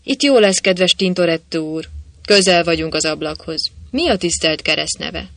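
This is a huge, bug-eyed butcher in the Legion, an absent-minded man who agrees with everything he hears, as a male reader puts him on. He chats on eagerly in a raised, bright voice. The storybook reading is animated. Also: on the high side, vocal fry, dry recording. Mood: eager, chatty.

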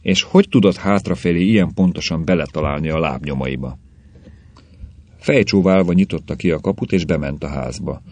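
Low-voiced man reading a story. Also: no echo. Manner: measured, steady storytelling. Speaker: narrator. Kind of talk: audiobook reading of a short story.

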